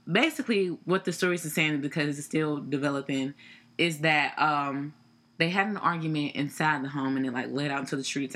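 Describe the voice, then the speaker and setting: Chatty bright-voiced woman co-host. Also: low-pitched. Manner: chatty, laughs easily, recounts news with fillers. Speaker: podcast co-host. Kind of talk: casual chat.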